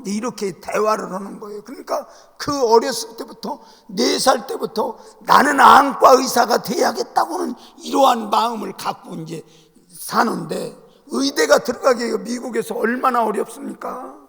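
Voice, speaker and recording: High-voiced pastor preaching in an echoing church. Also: male voice, moderate pace, vocal fry, breathy edge. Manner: emphatic preaching, swelling to loud calls to the congregation. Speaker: senior pastor. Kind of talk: Sunday sermon. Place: church sanctuary. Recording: long reverb of a church hall.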